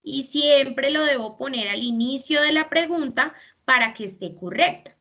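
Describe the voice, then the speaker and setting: A woman's voice: high-pitched, moderate pace, pushed and bright. A woman English teacher explaining grammar step by step in a patient class.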